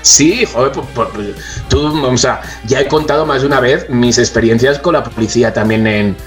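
A man's voice: mid-range voice, normal speed, faint music behind. A man with a Spain Spanish accent, telling anecdotes as co-host in a casual chat and acting out the voices in his quotes. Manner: animated anecdote teller, acts out voices in quotes.

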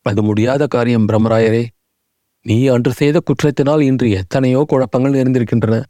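A man's voice: medium pitch, normal speed, warm tone, no room sound, natural voice. Fields: Figure: a man reading an anguished aging king. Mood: brooding, accusing. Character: aging grief-stricken king, bitter and accusing.

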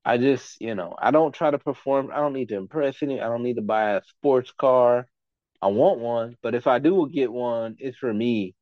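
A man sits in as a guest on a casual podcast and rambles through blunt, profanity-laced opinions. His voice sits at a middle pitch. The recording is dry and somewhat dull, with a lo-fi edge. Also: moderate pace, no room sound. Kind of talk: casual chat.

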